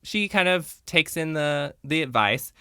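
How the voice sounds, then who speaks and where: A man's voice: fairly high pitch, lively intonation, unhurried, sharp tone, clean tone, no echo, studio quality. A young adult man hosting a podcast, chatting casually and retelling scenes with playful quoted lines. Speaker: podcast host.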